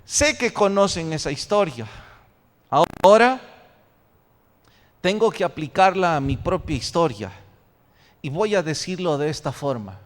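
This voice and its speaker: A man's voice: fairly high pitch, animated, a little slow, long pauses. A man preaching a sermon as pastor, posing rhetorical questions to his congregation. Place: church sanctuary. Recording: long church reverb.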